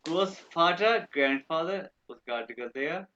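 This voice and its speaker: Man, language teacher, higher voice, repeats words, checks in often, muffled lo-fi audio. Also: expressive, normal speed, pushed and bright, slight background noise. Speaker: German teacher. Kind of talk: online language lesson.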